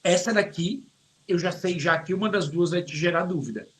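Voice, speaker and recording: Joking middle-aged Brazilian teacher. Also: male voice, sits high, low-quality recording. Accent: Brazilian Portuguese. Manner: lively, joking, drawls English words slowly for pronunciation. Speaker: English teacher. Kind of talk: online English lesson.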